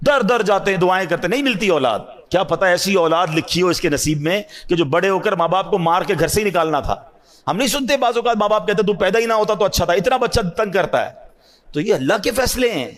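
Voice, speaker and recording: High-voiced preacher man, dramatic swings. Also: lively intonation. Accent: Urdu speaker from South Asia. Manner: swings between hushed low asides and high emphatic cries; rhetorical questions to listeners. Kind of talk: religious sermon.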